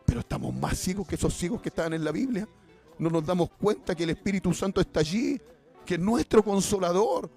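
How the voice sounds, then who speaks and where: A man preaching an impassioned Pentecostal sermon as an evangelist, shouting exhortations and repeating phrases. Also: a little high, expressive, fast, gravelly, faint music behind.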